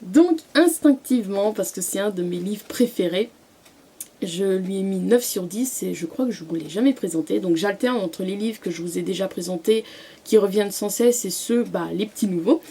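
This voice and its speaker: A young woman chatting casually about books she loves, often pausing, restarting and filling gaps with "euh" and "voilà". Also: mid-range voice, expressive, dark tone, breathy edge. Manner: hesitant, many fillers and restarts. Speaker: book vlogger. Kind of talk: casual book review vlog.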